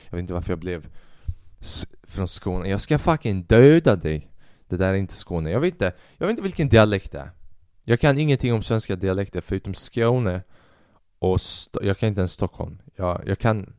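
A man's voice: low-pitched, animated, darkish tone, smooth, no room sound, clean studio sound. A man in his twenties hosting a solo podcast, rambling restlessly, swearing often and mixing in English phrases. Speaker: podcast host. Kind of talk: casual solo monologue.

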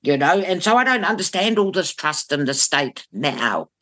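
A woman's voice: low-pitched, big pitch swings, normal speed, fairly bright tone. A woman with a New Zealand accent giving blunt, emphatic opinions in conversation, repeating phrases for stress. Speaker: interview guest.

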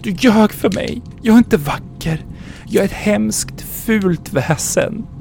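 A man's voice: high-pitched, lively intonation, gravelly, a little mellow, faint music behind, voice pushed up. A man voicing a distraught half-human forest woman who cries out in anguish.

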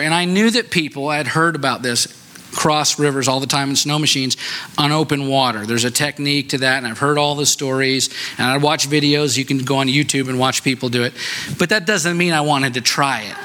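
A man's voice: fairly high pitch, pushed and bright. A man preaching a sermon in a church, telling a personal story in a conversational, self-deprecating way and often checking in with "right?". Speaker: pastor.

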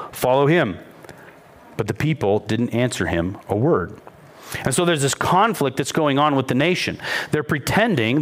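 A man preaching a sermon as pastor, retelling a scripture story with lively, mocking quoted voices. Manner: storytelling, rises in pitch when quoting mockery.

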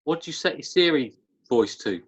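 A man chatting casually in a hesitant, halting way. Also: fairly high pitch, lively intonation, fairly bright tone, breathy edge, lo-fi sound. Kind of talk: casual chat.

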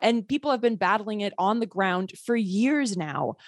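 A woman's voice: medium pitch, lively intonation, normal speed, no echo. Sarcastic passionate woman guest, dry sound. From partly Sweden. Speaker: guest, filmmaker. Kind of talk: political interview.

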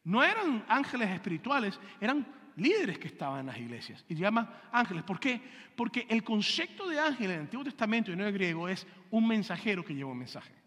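Brief: male preacher, high and bright, teaching a sermon with call-and-repeat, long church hall reverb. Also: sing-song, a little fast, breathy edge. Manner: has the congregation repeat terms and checks they follow. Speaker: pastor.

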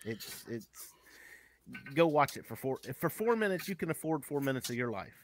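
A man's voice: mid-range voice, very animated, moderate pace, slight background noise. A man co-hosting a casual talk show, laid-back and rambling as he tells a story. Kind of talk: casual chat.

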